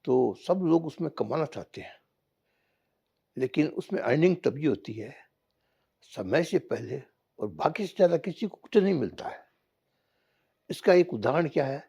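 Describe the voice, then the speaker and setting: A man telling a folk parable in casual, animated storytelling talk. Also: medium pitch, moderate pace, creaky, long pauses, slightly rough, highs cut off. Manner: animated folk-tale narration. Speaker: vlogger.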